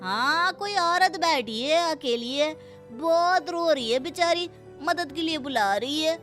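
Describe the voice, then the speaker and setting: Woman acting anxious, high-pitched villager. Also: expressive, measured pace, a bit bright, soft background music. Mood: pitying. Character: worried, cautious villager. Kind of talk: animated moral story voice acting.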